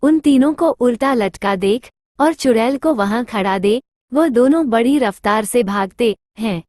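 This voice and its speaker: A woman's voice: on the high side, unhurried, a little mellow, dry recording, clean studio sound. Woman narrating a cartoon story.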